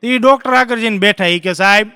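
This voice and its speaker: A man doing live stand-up, his voice high and bright. He is a lively storyteller who slips into his characters. The sound is clean and close, with a long hall reverb behind it. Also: fast talker, smooth. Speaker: stand-up comedian. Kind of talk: live stand-up joke telling.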